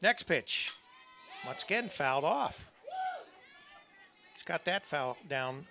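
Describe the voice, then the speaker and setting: A man giving conversational, unscripted play-by-play softball commentary with folksy asides. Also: a little high, sing-song, slow, gravelly, music in the background. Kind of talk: unscripted live sports commentary. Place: press box at a college softball field.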